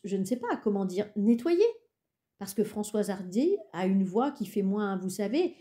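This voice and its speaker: A woman's voice: medium pitch, warm tone, lightly acted. A woman reading the lines of a polite, anxious teenage boy who speaks in an apologetic, precise way, in a storybook.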